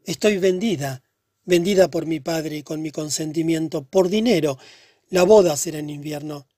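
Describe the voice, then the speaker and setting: A man reading the part of a pale, troubled young woman who speaks softly and sadly. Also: deep voice, normal speed, no room sound, studio quality. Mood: pleading. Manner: soft, subdued and hushed.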